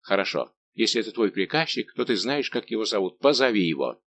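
A man's voice: on the low side, sing-song, a little fast, a bit bright. A man voicing a bold male musketeer who speaks in a hearty, commanding way.

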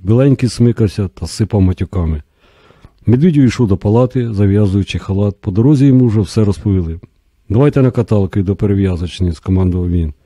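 Male audiobook narrator, steady and measured, very dark mellow tone, dry close sound. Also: lowish voice, dry recording.

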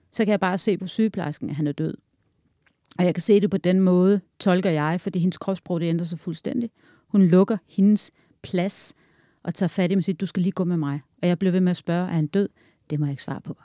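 A woman's voice: on the low side, dark tone, no echo, studio quality. A woman in her forties recounting a personal loss in an interview, candid and earthy, telling it in vivid detail.

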